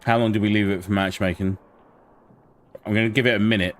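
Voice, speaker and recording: This man live-streams a shooter game in a fairly low voice, talking fast with fairly even intonation. It's casual chat during gameplay, and he curses bluntly when things frustrate him.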